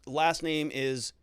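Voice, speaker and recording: Reading out comments from his viewers, a middle-aged American legal commentator hosting a livestream adds dry, joking remarks in a conversational tone. His voice is a little high and a bit bright, and the recording is dry.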